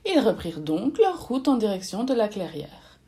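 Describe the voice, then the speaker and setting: A woman reading a children's story aloud, in a lively and expressive way. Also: mid-range voice, moderate pace.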